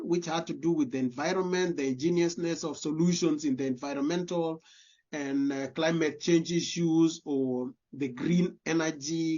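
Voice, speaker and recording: Dull, lo-fi audio carries a slightly high, somewhat mellow male voice with a Kenyan accent. The man, a guest who leads a diaspora community, answers interview questions earnestly, repeating words as he looks for how to put things.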